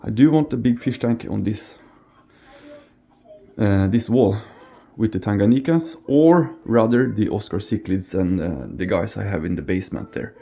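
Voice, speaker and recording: This is a casual apartment tour from a Norwegian aquarium vlogger who isn't a native English speaker. His voice sits on the low side and is gravelly and animated, moving at a normal pace as he rambles, trips over words, and chuckles at himself. Recorded indoors, the audio is slightly dull and carries faint noise.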